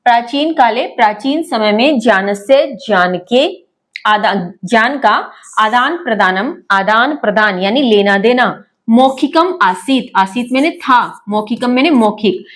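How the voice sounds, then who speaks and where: Patient woman teaching, higher voice. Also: expressive, fairly bright tone. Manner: patient, slow and repetitive, asks pupils questions. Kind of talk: online lesson, explaining word by word.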